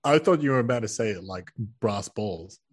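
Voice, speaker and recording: A man's voice: on the low side, lively intonation, normal speed. A man co-hosting a podcast in casual chat, reacting to a story with quips and jokes. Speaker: podcast co-host.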